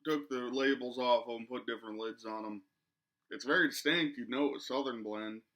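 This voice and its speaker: A man's voice: mid-range voice, normal speed, a bit bright, slight background noise. A man in his twenties chatting casually through a product review, speech slightly muffled by a lip full of dip. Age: 20s. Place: small living room, indoors.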